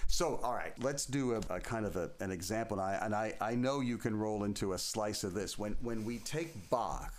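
A man's voice: fairly low pitch, expressive, moderate pace, hardly any pauses. Playful, discursive man hosting an interview. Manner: discursive, playful, thinks aloud with vivid mimicked examples. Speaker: interviewer and host. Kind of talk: conversational music interview.

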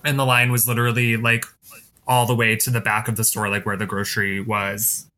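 Bright-voiced man chatting casually. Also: on the low side, little pitch movement, brisk. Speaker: podcast host. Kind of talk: casual chat.

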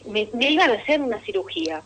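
A stand-up comedian with a Rioplatense Argentine Spanish accent performs a monologue on the radio, her mid-range voice fast and sing-song against a noisy background. She tells stories, chats with the audience in asides, and laughs at her own punchlines.

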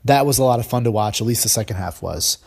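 A man in his thirties hosting a casual sports podcast, talking fast and loose with sarcastic jabs and sudden jumps in pitch for emphasis. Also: gravelly, a little mellow, slightly rough. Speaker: podcast host.

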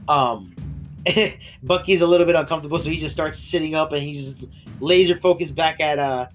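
Soft music plays behind a podcast co-host as he chats through a recap of a show's episode at a moderate pace. His voice is a little high, and his telling wanders, with laughter, false starts, occasional voice breaks and coughs.

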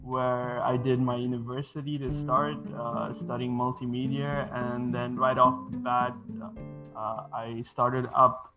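A man's voice: mid-range voice, little pitch movement, a little slow. Hesitant young man, muffled audio with music. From Sri Lanka, raised in Bahrain. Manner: hesitant, many fillers and restarts. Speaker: guest, design studio co-founder. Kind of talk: casual interview answers. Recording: dull lo-fi audio with music behind.

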